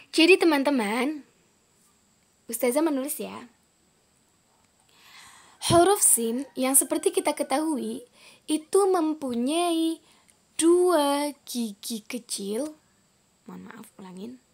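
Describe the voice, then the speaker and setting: High-voiced, slow-speaking woman teacher. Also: expressive, a little mellow. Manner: slow, careful modeling of pronunciation, repeating each word twice; patient, explanatory, addressing students as friends. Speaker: Arabic teacher. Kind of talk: recorded online lesson.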